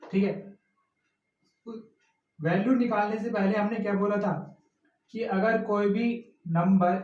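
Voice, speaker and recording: High-voiced man teaching math in an echoey room. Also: a little mellow. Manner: steps through the working aloud, asking and answering his own questions. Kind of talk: classroom math lesson. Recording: roomy, distant, muffled classroom recording.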